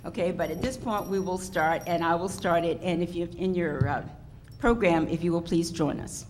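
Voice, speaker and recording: A woman's voice: lowish voice, moderate pace. A woman giving a podium speech as host, introducing a public program. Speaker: institute associate director, event host. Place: public event venue, audience present. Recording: faintly noisy live event recording.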